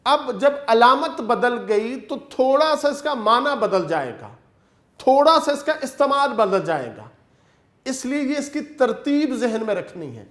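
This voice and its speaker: A man's voice: very high voice, very animated, a bit bright. A male teacher giving an online lecture, explaining step by step in a patient way and calling his students "beta". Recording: echoey room.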